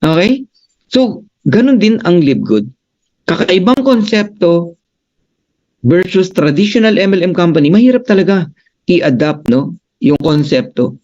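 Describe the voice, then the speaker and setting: A man presenting as a business coach, emphatic and animated, addressing his audience directly, on a dull lo-fi recording. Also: high voice, measured pace, long pauses.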